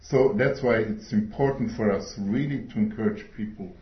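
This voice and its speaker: A slightly low-voiced, middle-aged man gives a slow, earnest sermon at a church meeting, frequently pausing and using fillers while he looks for the right words. He comes from Switzerland and English is not his first language. The sound is dull and reverberant, like a hall.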